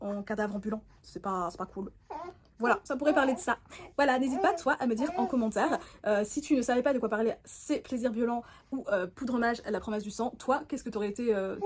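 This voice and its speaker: Casting: young woman with a slightly high voice for a playful, giggly book-chat vlog. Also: darkish tone. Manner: playful, giggly, makes things up as she goes. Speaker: booktuber. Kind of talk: casual chat to camera.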